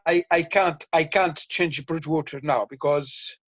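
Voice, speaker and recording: A man from Syria with a Syrian Arabic accent, talking on a video call in halting, simple English with lots of repeated words, tired and thirsty from fasting. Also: a little high, steady tone, a bit bright, muffled recording. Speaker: guest. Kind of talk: casual chat on a video call.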